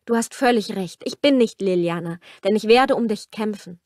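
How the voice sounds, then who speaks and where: A woman's voice: mid-range voice, normal speed, darkish tone, no echo, studio quality, lightly acted. A woman reading a romance audiobook aloud and voicing a passionate young wife, her delivery pleading and emphatic.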